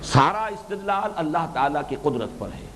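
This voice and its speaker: An older man giving a religious lecture as a Quran teacher, explaining points emphatically and reciting verses slowly. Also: a little high, animated, a bit bright, slight background noise.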